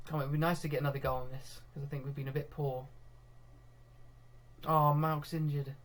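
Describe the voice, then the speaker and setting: A young man commentating live on his own football management game, getting excitable when goals come and laughing at himself. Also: fairly high pitch, fairly quick. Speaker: gaming video host.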